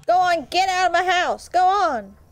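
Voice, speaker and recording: A woman's voice: very high voice, lively intonation, takes it slowly, heavily acted. A woman voicing an old-timey witch who scolds and shoos intruders away with archaic words. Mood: scolding.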